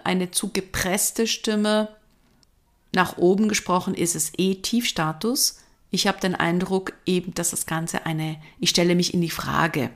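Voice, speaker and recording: A woman voice coach talks the listener through her topic in a calm, direct way. She speaks slowly, in a fairly low voice with a creaky edge. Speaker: voice coach, podcast host. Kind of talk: instructive podcast talk.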